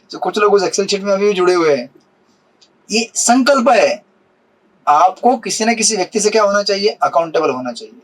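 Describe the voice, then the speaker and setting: A man with a notably high speaking voice delivers a Hindi sermon on scripture. He keeps turning to his listeners with questions and slips English words into his talk. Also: expressive, moderate pace, long pauses, poor audio. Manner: asks the audience questions, mixes English words. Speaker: spiritual teacher.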